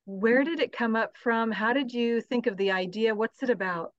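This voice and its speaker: A woman's voice: on the high side, normal speed, no echo, highs cut off. A woman hosting a talk show interview, effusive and full of praise for her guest.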